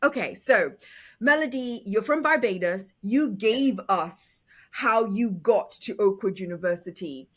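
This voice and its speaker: A woman hosting a conversational interview, expressive and emphatic, often restarting phrases as she builds her questions. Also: mid-range voice, measured pace. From raised in England and Africa. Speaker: podcast host.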